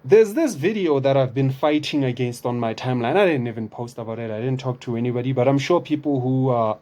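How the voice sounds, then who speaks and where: A man's voice: medium pitch, a little fast. Chatty man, casual commentary. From South Africa. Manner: chatty and expressive, with rhetorical questions and repeated restarts. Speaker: vlogger reacting to online content.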